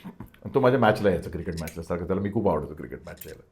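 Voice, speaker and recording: A man's voice: sits low, expressive, rapid-fire. An older man, an interview guest, telling a personal story and acting out the dialogue of the people in it.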